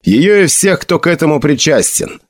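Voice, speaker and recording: A young hero in a spoken storybook, grief-stricken and sworn to vengeance, as a male narrator puts him on. His lines rise high and loud, pleading one moment and vowing fire the next. The recording is close and dry. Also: expressive, moderate pace, no room sound. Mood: vengeful vow. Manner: pleading then vengeful shouting, raised voice. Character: young man mourning his friend, vowing fiery revenge.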